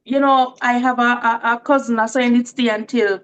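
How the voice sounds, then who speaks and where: A woman speaks earnestly to other parents, leaning on faith and trust in God. Her voice sits a little high, and she sounds like she is preaching. She is a guest on a podcast. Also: fairly even intonation, normal speed, clear, resonant tone, muffled recording. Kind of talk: faith-filled encouraging talk.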